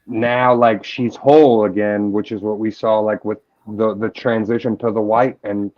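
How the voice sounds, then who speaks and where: Eager male co-host, stumbling repeats, slightly dull audio. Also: on the low side. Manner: excited, fast, repeats himself. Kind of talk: casual fan chat.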